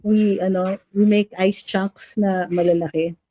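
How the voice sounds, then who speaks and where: A woman's voice: medium pitch, little pitch movement, unhurried, warm tone. A woman with a Filipino accent hosting a casual livestream, reading viewer comments aloud and chatting between Filipino and English. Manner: switches between Filipino and English, coos at her dog. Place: home room with a fan.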